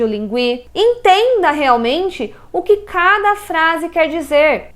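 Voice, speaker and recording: A woman's voice: sits high, fairly bright tone. A young Brazilian woman teaching an online lesson, giving direct, encouraging instructions step by step. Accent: Brazilian Portuguese. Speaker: English teacher.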